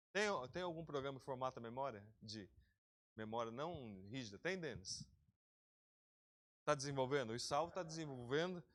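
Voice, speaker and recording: A man preaching a sermon as pastor of an online church service, lively and talking directly to his congregation by name. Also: medium pitch, normal speed, long pauses. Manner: lively, talks straight to the congregation, calls people by name.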